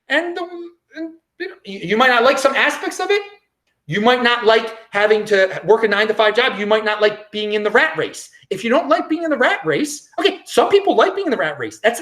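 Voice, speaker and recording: A man hosting his own show, delivering an emphatic solo opinion monologue, repeating phrases for emphasis. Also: high-pitched. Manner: emphatic, repetitive, animated. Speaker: show host.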